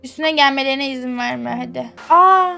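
A young woman streamer commenting on a game and reading its lines aloud, emotional and quick to exclaim. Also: high voice, a bit bright. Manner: emotional, exclaims and swears at the game, on the verge of tears. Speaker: gaming streamer. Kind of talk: casual let's play commentary, reading game text aloud. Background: faint game music.

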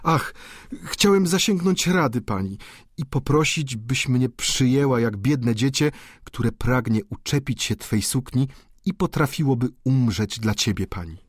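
A man's voice: medium pitch, animated, measured pace, husky, no room sound, studio quality. A man voicing an ambitious, earnest young student in an audiobook, with an eager manner. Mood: ardent.

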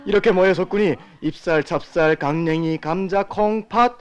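A man's voice: high-pitched, moderate pace, clean tone, dull audio, soft background music, lightly acted. An actor with a North Korean accent playing an earnest, encouraging male coach in his thirties in a film drama, speaking instructively. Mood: friendly, instructive. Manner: animated, instructive.

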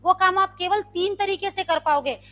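This woman from India conducts an online Sanskrit grammar class in real time, repeating questions to quiz her students and modeling loud and soft sounds. She speaks at a moderate pace in a very high voice.

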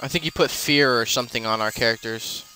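A man's voice: mid-range voice, quick pace, sharp tone, soft background music. A man casually commenting while he plays a video game, rambling with many fillers and self-corrections as he explains what he is doing. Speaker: let's play host.

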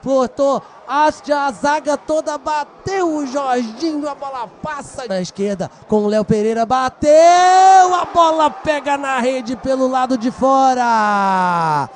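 A man with a Brazilian accent calling football live, in explosive goal commentary with shouted, drawn-out calls. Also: extremely high pitch, slight background noise.

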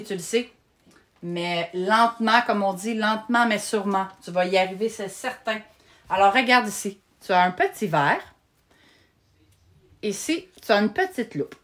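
A woman teaching young children to read letters, talking slowly and patiently and praising often. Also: mid-range voice, fairly bright tone. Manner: slow and patient, spelling out letters with frequent praise. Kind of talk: slow, encouraging children's reading lesson.

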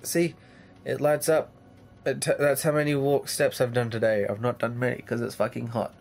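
A man's voice: medium pitch, flat delivery, normal speed, gravelly, darkish tone. A tired, drained young man chatting casually as a vlog host in his bedroom, rambling and swearing freely. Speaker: channel host.

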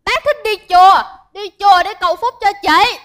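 An actress, who cuts in with know-it-all answers. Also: female voice, very high voice, normal speed, a bit bright. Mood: cheeky. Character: cheeky young woman helper caring for the mother. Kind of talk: stage comedy sketch.

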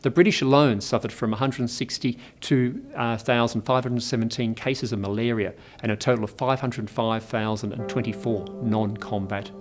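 Australian man giving a measured history lecture. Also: medium pitch, faint music behind. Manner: measured, precise delivery with occasional slips. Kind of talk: scripted educational lecture.

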